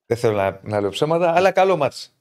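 A man co-hosting a casual sports betting chat, animated and teasing, often talking over the others. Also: mid-range voice. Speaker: podcast co-host.

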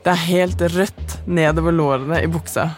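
A woman, the podcast's narrator, telling her own story in calm, measured, scripted first-person narration. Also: deep voice, soft background music.

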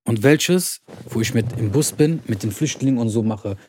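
A young man telling a story in casual chat, animated, acting out the lines of the people he quotes. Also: medium pitch, moderate pace, a little hiss or hum. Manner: animated, acts out interrogators' lines, says Bruder. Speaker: podcast guest telling his story.

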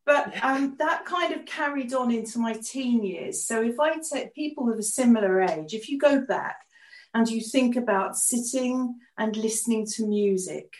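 A woman's voice: fairly high pitch, moderate pace. An older English woman co-hosting a casual podcast chat, telling stories in a chatty way and laughing often. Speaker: co-host and artist. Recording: echoey room.

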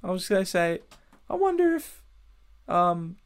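A man's voice: high-pitched, big pitch swings, a little slow, smooth. Laid-back podcast guy. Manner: laid-back, swears casually, chuckles often. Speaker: podcast co-host. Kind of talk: casual chat. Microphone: USB mic.

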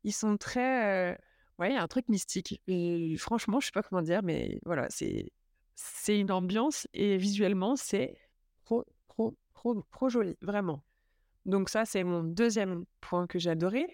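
A young woman hosting a podcast, chatting enthusiastically about a trip, with lots of fillers and quick asides. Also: mid-range voice, sing-song, a little mellow, no room sound, clean studio sound. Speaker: podcast host. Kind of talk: casual travel chat.

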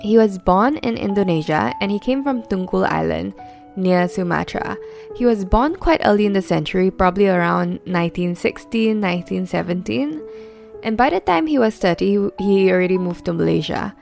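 A woman's voice: medium pitch, expressive, normal speed, gravelly, darkish tone. A woman podcast host telling a true-crime story conversationally, with chatty asides and rhetorical questions. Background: faint music.

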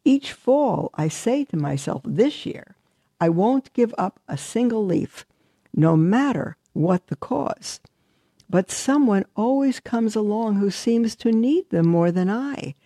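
A woman voicing a kindly old tree who speaks sadly and softly. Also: mid-range voice, lively intonation, slow, dry recording, clean studio sound, pitched above the performer's own voice. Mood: sad gentle. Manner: sad, sighing and soft. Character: gentle, sad old tree, male, kindly and humble.

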